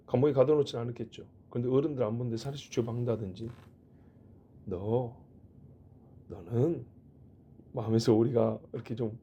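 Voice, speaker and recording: Husky pastor preaching conversationally. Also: male voice, mid-range voice, lo-fi sound. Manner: conversational preaching with rhetorical questions and joking asides. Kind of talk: sermon. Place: church.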